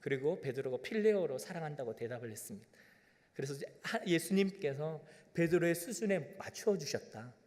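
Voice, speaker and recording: Male pastor, emphatic sermon delivery, high voice, church reverb. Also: animated, a little fast, darkish tone. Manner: emphatic, swelling preaching cadence with direct appeals. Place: church sanctuary. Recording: long reverb of a church hall.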